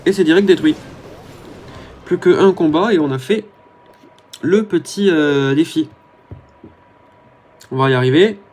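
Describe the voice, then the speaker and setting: A man's voice: fairly high pitch, unhurried, pauses often, a little mellow. A man giving casual, rambling commentary over his own gameplay, talking to his viewers with many hesitant fillers. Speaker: gaming YouTuber.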